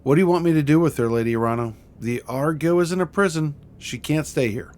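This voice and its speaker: Man playing a brisk, practical starship officer. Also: fairly high pitch, a little mellow, pitched above the performer's own voice, close to an everyday voice. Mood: concerned.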